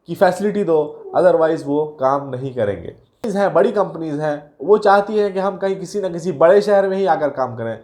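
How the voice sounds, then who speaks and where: A man with a notably high voice talks straight to his viewers. He explains in a loose, chatty way, calling them guys and mixing in English terms. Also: darkish tone. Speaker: career video host. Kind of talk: casual explainer talk to viewers.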